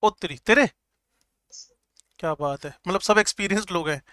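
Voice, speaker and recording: A male chemistry teacher lectures with jokes and slow repetition of key terms. His voice sits high and sounds bright and forceful, recorded dry and close. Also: dry recording. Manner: jokey, repeats key terms slowly. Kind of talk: classroom lecture.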